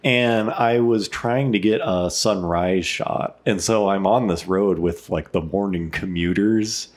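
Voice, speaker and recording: Male podcast co-host, lowish voice, casual and sweary storyteller who acts out quoted remarks. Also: a little slow. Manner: frequent swearing. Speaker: podcast co-host recounting road trips. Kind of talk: casual chat.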